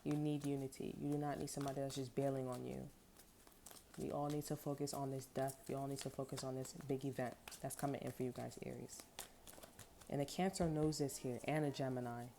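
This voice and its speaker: Brief: woman tarot reader, very low and mellow voice, rambling casual delivery full of okays. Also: little pitch movement, fairly quick, slight background noise. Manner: rambling, peppered with okay and like.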